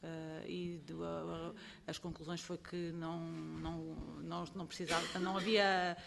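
A woman's voice: on the low side, little pitch movement, normal speed, gravelly, fairly bright tone, a little hiss or hum. A woman with a European Portuguese accent, a member of parliament, speaking hesitantly in committee with many restarts. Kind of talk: committee debate.

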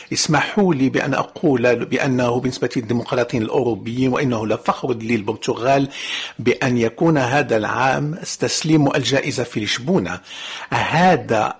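A man giving a live interpretation of ceremony speeches. He speaks haltingly, cutting off words and restarting often. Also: on the high side, husky. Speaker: simultaneous interpreter.

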